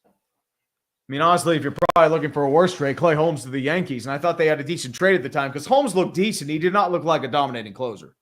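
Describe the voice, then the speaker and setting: A man's voice: fairly high pitch, quick pace, fairly bright tone. A man co-hosting a live stream, talking about sports trades in a blunt, profane, rambling way. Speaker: co-host. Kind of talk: casual live-stream chat.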